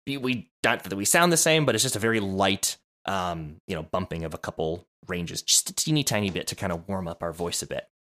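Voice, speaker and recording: A man's voice: low voice, fairly quick, few pauses, bright, forceful tone. A man co-hosting a podcast, explaining audio production in casual chat, rambling with many restarts and self-amused asides. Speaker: podcast co-host.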